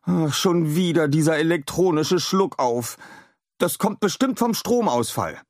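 An excitable, kindly scientist played by a man speaks in bubbly, lifted bursts. The voice is pushed well above the narrator's own and keeps a husky edge, recorded dry and close in a storybook reading. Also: on the high side, moderate pace, no echo, voice pushed up. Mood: cheerful. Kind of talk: storybook character voice.

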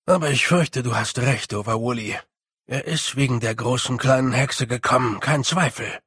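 A man's voice: medium pitch, normal speed, fairly bright tone, no room sound, clean studio sound. A man doing a grumbling little fairy chief. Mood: weary. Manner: gruff, grumbling, weary. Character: small, gruff blue male fairy chieftain.

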